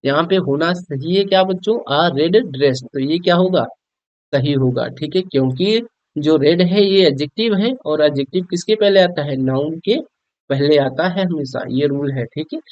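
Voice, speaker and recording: A man's voice: a little high, moderate pace, a little mellow, no room sound. A man with a Hindi accent teaching a grammar lesson to school students, often asking "okay?" as he explains. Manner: addresses students as children, frequent "theek hai" check-ins. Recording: dull, dry lo-fi recording.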